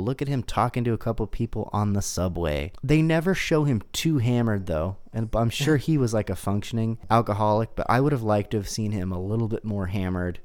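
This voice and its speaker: Man, low voice, smooth and resonant, casual film talk, loose and joking. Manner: relaxed, joking, thinks aloud with restarts. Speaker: podcast co-host. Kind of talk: casual film review chat.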